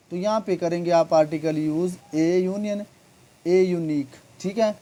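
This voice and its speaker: Mellow-voiced man teaching grammar. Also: high-pitched. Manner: patient, repetitive, keeps asking "okay?". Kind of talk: explanatory lesson with repeated check-ins.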